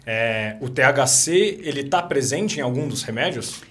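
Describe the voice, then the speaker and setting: A man hosting a podcast, asking curious, halting questions. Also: mid-range voice, animated, a bit bright. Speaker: podcast host. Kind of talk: casual podcast interview.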